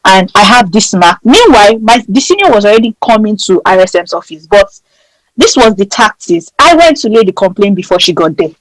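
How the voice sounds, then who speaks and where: A woman's voice: medium pitch, fairly quick, no echo, low-quality recording. A woman in her thirties with a Nigerian accent, telling a story as an interview guest in a bold, dramatic way. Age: 30s. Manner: lively and dramatic, acting out the people in her story; bold and emphatic. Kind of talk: animated storytelling.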